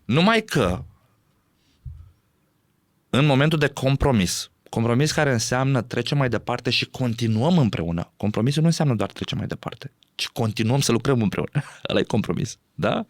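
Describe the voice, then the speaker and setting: A man speaking as a podcast guest in animated conversation, often laughing and acting out what others say. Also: medium pitch, no room sound, studio quality. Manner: animated, acts out quoted speech, laughs often.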